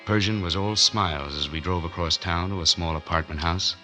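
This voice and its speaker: A man with a low, brisk, bright and forceful voice acts as a broke, wry drifter, narrating his own story in the laconic hard-boiled style of 1940s radio noir. The first-person narration is brooding. It's a vintage 1940s radio recording with music playing underneath.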